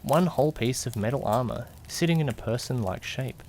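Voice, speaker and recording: The natural, darkish voice of a medium-pitched man comes through briskly, with a little hiss or hum. Playing the curious, jittery young companion to a detective, he gives first-person narration for an amateur mystery audio drama, leaning on suspense and questioning asides. Suspense and curiosity set the mood.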